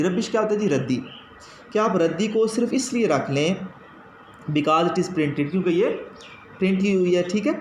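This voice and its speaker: A male lecturer with a somewhat high voice works through an English text line by line. He reads each phrase slowly, then explains it patiently, often checking in with his listeners. The room is echoey, with faint background noise.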